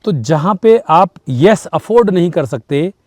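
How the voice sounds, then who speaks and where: A man's voice: high voice, lively intonation, a little slow, darkish tone, dry recording, clean studio sound. A man giving advice in a talk show, emphatic, acting out little dialogues and mixing in English phrases. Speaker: guest speaker.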